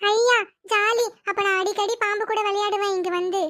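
Woman voicing little cartoon girl, eager, chatty, playful, very high voice. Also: steady tone, fairly quick, a bit bright. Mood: cheerful.

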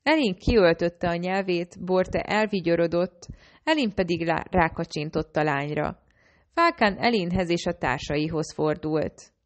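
Audiobook reader, woman, lowish voice, steady storytelling with light character shading. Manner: reads all characters in a lightly varied own voice. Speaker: audiobook narrator. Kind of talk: audiobook narration.

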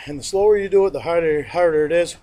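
This middle-aged fitness instructor talks fast in a fairly high but dark-toned voice while leading a workout on his backyard lawn. Sniffling from allergies, he speaks plainly, repeats himself, and counts out reps, all captured by a far-off camera mic.

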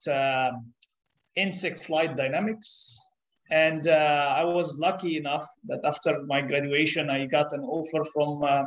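Recorded by a camera across a conference-room table, an Egyptian-born professor explains things as an interview guest in an echoey room. His voice is a little high and fairly bright, and his manner is thoughtful, with frequent "uh" pauses and restarts.

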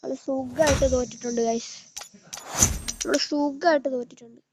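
A high-voiced woman with a Malayali accent commentates casually on a live game stream. She slips English words into her Malayalam and keeps addressing viewers as guys. Loud noise and clicking run through the recording. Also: fairly even intonation, moderate pace.

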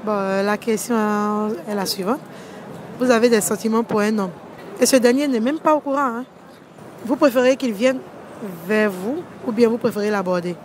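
A young woman holds a handheld microphone on a city street at night and quizzes passers-by, repeating and rephrasing her questions as she goes. Her voice sits a little high, and steady street noise runs under it. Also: normal speed, low-quality recording. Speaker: street interviewer. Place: city street at night beside parked cars.

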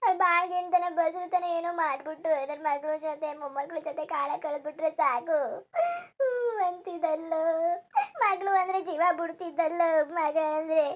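A sobbing village elder sister, played by a woman in a comic cartoon, wailing loudly and calling her dead sister to get up again. Her squeaky, very high voice keeps breaking into cries. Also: fairly even intonation, moderate pace, highs cut off. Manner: loud sobbing lament, repeated calls to wake up. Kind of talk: comic cartoon mourning lament.

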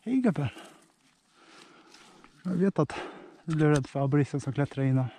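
A very tired man narrating a vlog as he climbs a tall tree outdoors to rescue a cat, coaxing it with gentle calls. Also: a little high.

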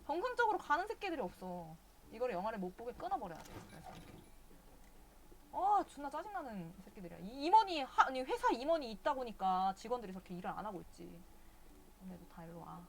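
A woman's voice: fairly high pitch, big pitch swings, quick pace, a little hiss or hum. Swearing, chatty woman game streamer. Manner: chatty, exasperated, curses at game characters. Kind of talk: casual live game commentary.

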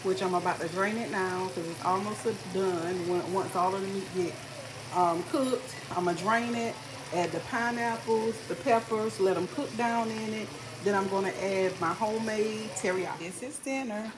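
In her home kitchen, a weary family vlogger talks casually in a mid-range voice at a moderate pace while she cooks and cleans, with background noise audible.

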